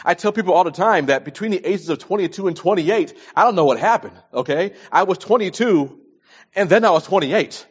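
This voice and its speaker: With a high, slightly rough voice, a man in his early 40s preaches animatedly and a little fast. His sermon combines scripture readings and plain advice, delivered emphatically with repeated phrases for stress. The recording sounds dull and lo-fi.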